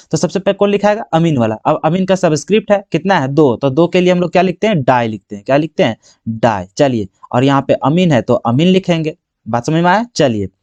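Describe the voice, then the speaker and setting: A high-pitched man walks students through exam chemistry, firing off questions and answering them in the same breath. The sound is dry and close, with no room around him. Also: darkish tone, no room sound. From Jharkhand, India. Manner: asks the class questions and answers them himself. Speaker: chemistry teacher. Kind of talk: exam-prep classroom lesson.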